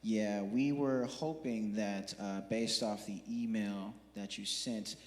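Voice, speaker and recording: A man playing a stiff, rule-bound stickler who speaks slowly, deliberately and formally. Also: fairly low pitch, steady tone, darkish tone, natural voice. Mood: displeased. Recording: echoey room with long reverb.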